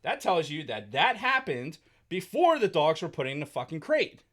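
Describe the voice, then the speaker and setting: A podcast co-host rants angrily on a casual show, swearing heavily in a heated tirade. His voice is a little high and sing-song, a bit bright, at a moderate pace.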